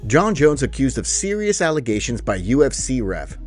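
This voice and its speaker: A male narrator reads scripted fight news with an animated, swinging pitch. Faint music runs softly under his voice-over. His delivery stays even-toned in pitch, neither high nor low. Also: moderate pace.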